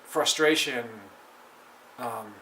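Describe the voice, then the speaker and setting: An American man giving a casual, halting spoken lesson on a phrase he is learning, with frequent restarts and slow repetitions of practice phrases. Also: medium pitch, pushed and bright. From United States. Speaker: language learner vlogger. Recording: echoey room, faint ambient noise.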